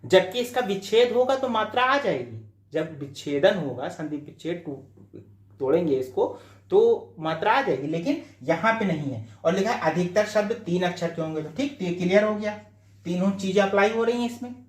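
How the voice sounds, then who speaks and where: A man teaching a grammar lesson for exam study, repeating each rule and often checking whether it is clear. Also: high-pitched, animated, normal speed. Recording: roomy echo.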